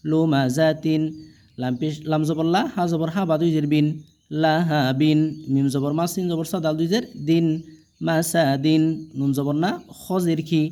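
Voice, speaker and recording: A man's voice: on the high side, dark tone. A man with a Bangladeshi Bengali accent teaching Quran reading, drilling letters and vowel marks patiently and checking understanding with questions. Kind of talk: spelled-out Arabic letter drill lesson.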